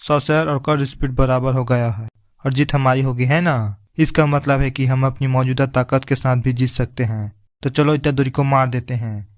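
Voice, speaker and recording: Male narrator putting on a lower-voiced, teasing anime curse spirit, dry sound. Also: fairly even intonation, normal speed, dry recording, natural voice. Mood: taunting. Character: playful cruel humanoid curse spirit, male.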